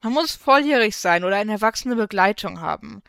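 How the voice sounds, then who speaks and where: A sulky teenage witch complains, voiced plainly by a woman reader. The voice is smooth and close, with a dry sound and no room around it. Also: mid-range voice, animated, fairly quick, a bit bright, dry recording.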